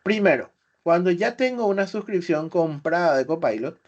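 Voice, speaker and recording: Man explaining software in a webinar. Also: sits high, animated, moderate pace. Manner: explanatory, rhetorical questions, filler "eh". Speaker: webinar presenter. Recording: slightly dull webinar audio.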